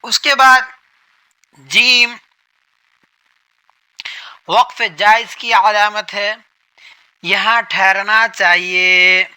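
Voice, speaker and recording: A man's voice: high-pitched, fairly even intonation, pauses often, sharp tone, smooth, low-quality recording. A man teaching a lesson on Quran reading, who repeats each point and asks questions that he then answers himself. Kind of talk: explanatory lesson.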